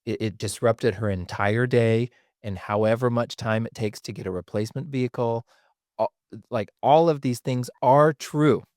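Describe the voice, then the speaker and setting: A man's voice: medium pitch, normal speed, a little mellow, dry recording, clean studio sound. A man hosting a podcast, explaining ideas in a thoughtful, conversational way with frequent restarts. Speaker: podcast host.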